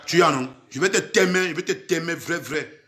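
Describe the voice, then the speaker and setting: A man's voice: fairly high pitch, normal speed, fairly bright tone, roomy sound. A man from Cameroon with a Cameroonian French accent, mixing in Camfranglais, delivering a heated, threatening rant for social media and repeating the same words.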